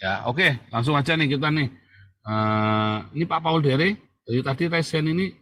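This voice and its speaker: A man's voice: fairly high pitch, moderate pace, a bit bright. Mocking, defiant male livestream host. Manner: mocking and defiant, laughs at opponents; repeats phrases for emphasis, addresses audience as brothers. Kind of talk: combative religious talk show monologue.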